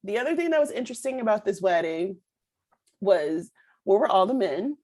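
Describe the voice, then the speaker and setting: A woman co-hosting a podcast in casual chat, talkative and quick to laugh. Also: medium pitch, sing-song, a little mellow. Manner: chatty, laughs often. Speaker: podcast co-host.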